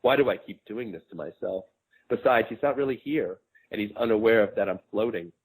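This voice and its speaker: A man in his forties, an author, reading his memoir aloud in a measured, quiet, reflective way. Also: on the low side, breathy edge, poor audio.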